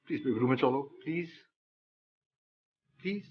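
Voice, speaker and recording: An actor playing a fussy, germ-fearing young husband in a TV drama, panicky and pleading. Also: male voice, mid-range voice, lively intonation, normal speed, highs cut off, natural voice. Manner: panicky, then softly pleading. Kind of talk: TV drama acting.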